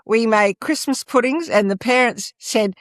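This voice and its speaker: Her slightly high voice moves at an unhurried pace, recorded at studio quality with no echo. She's an older Australian and former school principal, a guest in an interview who talks with emphasis and keeps reaching for "absolutely" and "et cetera."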